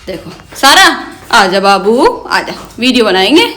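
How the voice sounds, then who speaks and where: A woman's voice: medium pitch, big pitch swings, a little slow, a bit bright, faint music behind. A woman filming a home vlog on her phone, talking to her parrots in a sing-song voice that turns from scolding to cooing. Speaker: pet vlogger. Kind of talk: casual vlog narration. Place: indoors at home. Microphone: phone held in hand.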